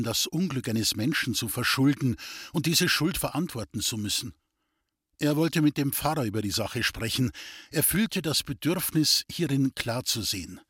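A man reads a story aloud at an even, measured pace. His voice is slightly husky and mid-pitched. The sound is dry and close. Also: dry recording. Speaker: audiobook narrator. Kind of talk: scripted narration.

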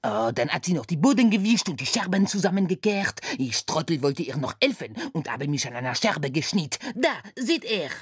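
A woman's voice: low-pitched, very animated, a little fast, hardly any pauses, husky, pitched above the performer's own voice, exaggerated voice. A woman voicing a grumpy older Frenchman who snaps and blusters, speaking German with French slips. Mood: blustering.

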